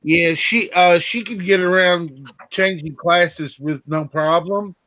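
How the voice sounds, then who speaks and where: A man's voice: high voice, slow, sharp tone, no room sound, poor audio. A man co-hosting a casual live stream, telling a story in a laid-back, rambling way. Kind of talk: casual chat.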